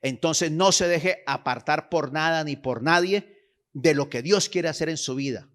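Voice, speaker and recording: Exhorting male preacher, higher voice. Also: unhurried, fairly bright tone. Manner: exhorting, repeats phrases and asks listeners "¿sí?"; reads scripture aloud with emphasis. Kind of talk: sermon.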